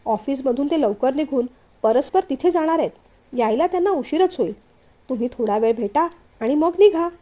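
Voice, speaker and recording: A woman voicing a polite, gentle young man who is a company director, in a storybook reading. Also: high voice, lively intonation, moderate pace.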